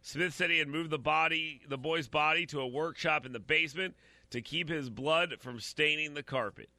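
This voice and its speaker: A man's voice: a little high, moderate pace, bright, forceful tone, no room sound. A man giving blunt, opinionated commentary while reading out a news story, talking straight to his audience and stumbling over repeated words.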